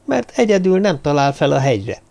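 A woman's voice: sits low, very animated, gravelly, dark tone, voice pushed up, exaggerated voice. Brief: eager, chatty young woman, put on by a male narrator in a raised, lilting voice.

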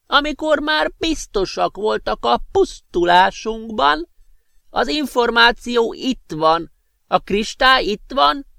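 A man doing a high croaky tipsy old professor. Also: a bit bright, no echo, clean studio sound, heavily acted. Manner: slow, drawn-out, giggly.

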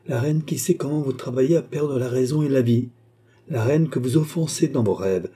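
A man's voice: medium pitch, lively intonation, moderate pace, mellow, breathy edge. A man voicing a proud, indignant queen who scolds in a raised, reproachful voice.

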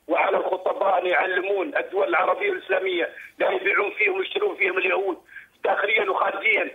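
A man from Saudi Arabia calling into a TV show over a tinny phone line, lecturing in an insistent, rushed manner. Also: high-pitched, creaky. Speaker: caller. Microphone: telephone.

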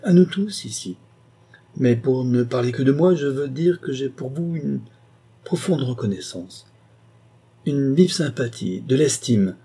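Agitated aristocratic marquis, abrupt and emphatic; a male reader plays him, husky tone. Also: medium pitch, expressive, a little slow, warm tone, pitched above the performer's own voice. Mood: pleading. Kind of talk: audiobook character reading.

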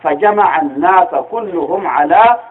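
A Sudanese Arabic-accented man gives a religious lecture in a husky, fairly high voice. He explains patiently, often pausing to ask his listeners a rhetorical question. The sound is thin and tinny, as if over a phone line. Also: animated. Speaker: teacher of Quranic studies.

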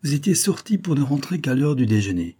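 A man's voice: medium pitch, very animated, a little fast, warm tone, slightly rough, pitched above the performer's own voice. A man reading an audiobook and voicing a suspicious viscount who presses with insistent questions. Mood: irritated. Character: suspicious middle-aged viscount, irritated and insistent.

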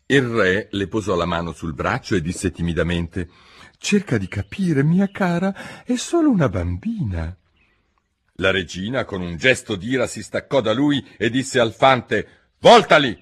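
Man reading a storybook aloud, very animated, bright husky tone. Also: on the low side. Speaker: narrator. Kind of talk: audiobook reading.

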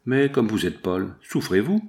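A man's voice: fairly low pitch, big pitch swings, normal speed, darkish tone. Marie, a pleading young woman, read by a man. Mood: anxious. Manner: pleading and emotional. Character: young woman, passionate, lovesick daughter.

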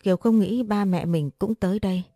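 A woman narrating a first-person story in a steady, earnest reading voice. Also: medium pitch, fairly quick, no echo, clean studio sound.

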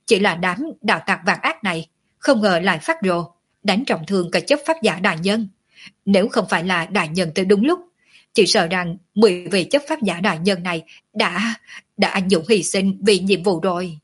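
A woman voicing a crafty young male shopkeeper who flatters officials and plays the victim. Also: medium pitch, normal speed, husky, close to an everyday voice. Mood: fawning complaint. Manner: pleading, flattering, theatrically aggrieved.

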